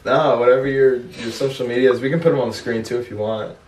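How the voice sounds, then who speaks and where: A man's voice: medium pitch, steady tone, fast, background noise. A young man hosting a casual podcast chat in a blunt, slangy way. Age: young adult. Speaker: podcast host. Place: small bare room, indoors at a table. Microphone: distant camera or room mic. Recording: echoey room, distant mic.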